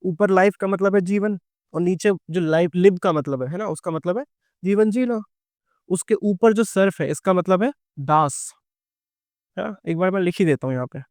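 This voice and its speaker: A man's voice: sits high, moderate pace, darkish tone, no room sound, clean studio sound. A middle-aged man with an Indian English accent gives an exam-prep grammar lecture. He explains patiently, keeps checking in with his students, and asks them questions that he then answers himself.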